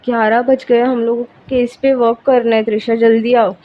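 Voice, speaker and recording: An impatient young woman, voiced by a female storyteller nags a friend to hurry back to work, in a fairly high voice. The storybook recording is dull and lo-fi, with faint hiss. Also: little pitch movement, moderate pace, close to an everyday voice. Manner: hurrying, nagging.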